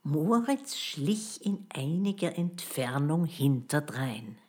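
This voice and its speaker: A woman reads a children's story aloud with a low voice and an unhurried pace. Her telling is expressive and measured, with a lot of rise and fall in the voice. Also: breathy edge.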